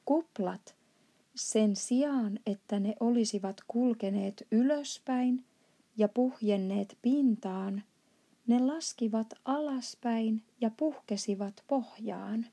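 Brief: woman audiobook narrator, dark and husky, calm storybook delivery. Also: a little high. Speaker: audiobook reader.

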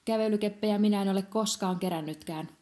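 A woman's voice: medium pitch, warm tone, pitched above the performer's own voice, lightly acted. A woman voicing a gloomy, eccentric male collector in a cloak, who talks tersely and turns things down fussily. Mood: terse, eager. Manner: terse, sighing, fussy refusals.

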